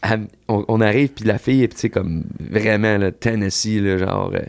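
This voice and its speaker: A man with a Quebec French accent, a country singer chatting casually as a podcast guest, telling animated stories with laughs and quick impressions. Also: lowish voice, vocal fry.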